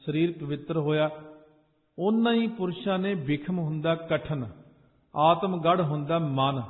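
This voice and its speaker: A man preaching, singing scripture lines slowly and then explaining them in quicker speech. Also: fairly high pitch. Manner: alternates slow chanted verses with quick explanation. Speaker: Sikh preacher. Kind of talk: sung scripture with spoken commentary. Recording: tinny phone-like sound with long hall reverb.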